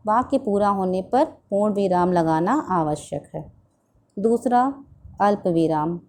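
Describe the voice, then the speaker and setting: A woman teaching a school grammar lesson, explaining slowly and deliberately and restating each term in simpler words. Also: mid-range voice, dark tone, slight background noise. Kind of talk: recorded Hindi grammar lesson.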